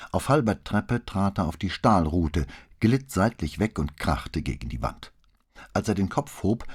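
Brief: deep, husky man for scripted crime-novel narration, steady and deliberate. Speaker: audiobook narrator.

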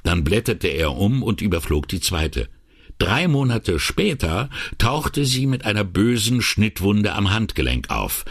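A man narrating an audiobook in an expressive, lively reading. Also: lowish voice, unhurried, husky, dry recording, clean studio sound. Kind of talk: scripted narration.

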